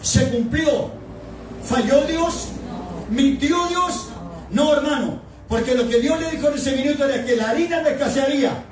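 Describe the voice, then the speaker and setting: A man, a pastor delivering a fervent evangelical sermon in a church, shouting key lines and asking the congregation questions. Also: extremely high pitch, normal speed, slight background noise. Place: church sanctuary. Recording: echoey hall, speaker far from mic.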